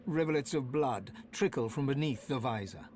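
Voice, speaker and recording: A man's voice: medium pitch, moderate pace, darkish tone, close to an everyday voice. An actor voicing the male narrator of a fantasy video game, reading scripted narration. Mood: grim. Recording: game audio with clear background noise.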